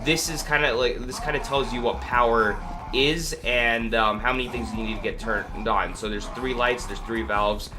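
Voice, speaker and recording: This gaming video host clearly has a cold, sounding stuffy and sniffling as he wanders through a relaxed walkthrough, full of hesitations and filler words. He speaks in a mid-range voice at a moderate pace with fairly even intonation, and background noise comes through clearly.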